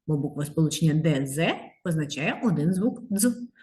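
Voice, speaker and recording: A woman teaching a handwriting lesson to young children, slow and sing-song, drawing out the sounds of letters. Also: low voice, expressive, dark tone. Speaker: primary school teacher.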